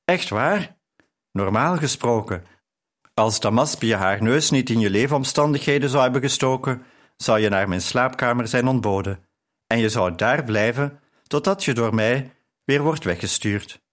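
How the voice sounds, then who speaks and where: A man's voice: mid-range voice, expressive, moderate pace, close to an everyday voice. Commanding, teasing nobleman, played by a man, confident and at ease. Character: commanding Persian nobleman, teasing and self-assured.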